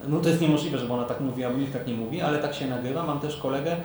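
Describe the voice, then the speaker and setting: A man's voice: mid-range voice, rapid-fire, darkish tone. Man, podcaster, casual panel chat, explains with examples, far from the mic, echoey room. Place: room with other podcasters, recorded live. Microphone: shared handheld recorder. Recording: very echoey room, distant mic, faint hiss.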